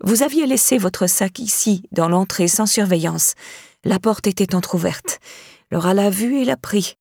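A woman's voice: mid-range voice, normal speed, creaky, a little mellow, no echo, studio quality. A woman voicing an older neighbour with a firm, insistent, accusing manner. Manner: insistent, pressing.

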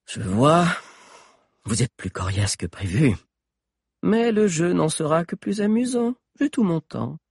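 A man's voice: on the high side, very animated, measured pace, creaky, darkish tone, husky, dry recording, studio quality, voice pushed up, exaggerated voice. A man reading an audiobook and voicing a cruel, scheming sorceress queen with a mocking, menacing manner. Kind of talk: audiobook character voice.

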